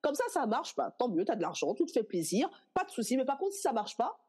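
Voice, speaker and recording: A young woman, an actress being interviewed, chatting casually and telling lively stories in which she acts out what other people said. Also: fairly high pitch, fast, husky. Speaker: actress guest.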